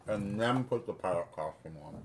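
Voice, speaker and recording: A hoarse woman talking calmly and gently with a child at home. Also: very deep voice, normal speed. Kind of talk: casual home chat. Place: family home indoors. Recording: noisy home recording.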